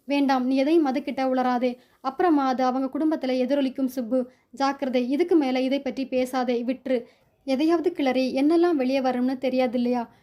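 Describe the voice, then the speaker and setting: A woman reading a short story aloud, voicing a worried middle-aged father who firmly hushes his wife and guards a family secret. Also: sits high, steady tone, normal speed, close to an everyday voice. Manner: firm, hushing, reassuring.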